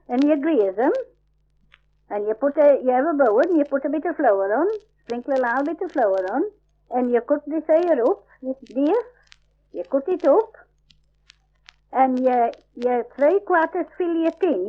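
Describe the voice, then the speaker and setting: An older woman with a broad, old-fashioned Yorkshire accent, explaining step by step in homely, informal dialect. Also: high voice. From Yorkshire, England. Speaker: home baker, dialect speaker. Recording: dull lo-fi 1950s archive recording.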